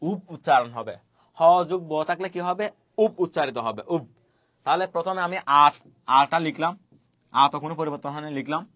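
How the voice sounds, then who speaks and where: This man's voice is a little high and sharp in tone, and he speaks fairly quickly. He's teaching pronunciation rules in a fast online lesson, going over every point twice and testing his students, with no echo.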